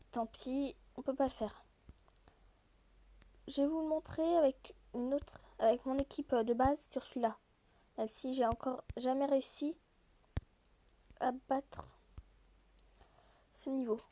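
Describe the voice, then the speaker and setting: A woman's voice: sits high, steady tone, normal speed, long pauses, warm tone. A woman giving a casual gameplay walkthrough, explaining each step directly to her viewers. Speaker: gaming video host.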